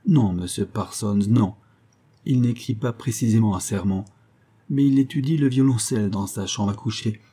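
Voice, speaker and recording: A man reading aloud and voicing a stammering, deferential male servant in a strained, husky voice. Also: lowish voice, normal speed, dark tone. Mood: flustered. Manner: stammering, flustered.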